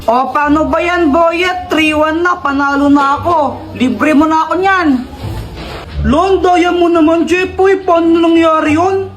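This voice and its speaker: A performer in a comedic skit playing bickering kids, with quick, playful banter. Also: very high voice, echoey room, soft background music.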